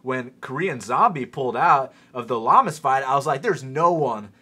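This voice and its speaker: Male podcast host, bright forceful tone, animated casual fight-betting chat. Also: medium pitch, husky. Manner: animated, fast-talking, swears casually. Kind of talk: casual sports betting talk.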